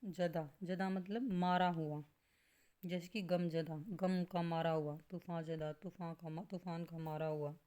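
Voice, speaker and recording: A woman teaching grammar at a slow classroom pace, reading out word lists one by one and explaining each, with an occasional cough. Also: fairly low pitch, little pitch movement, dark tone. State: coughing at times.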